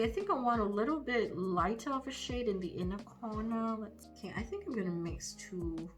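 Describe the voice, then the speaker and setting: A woman chatting casually and a little hesitantly through a makeup tutorial, thinking aloud as she goes. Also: medium pitch. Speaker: makeup vlogger.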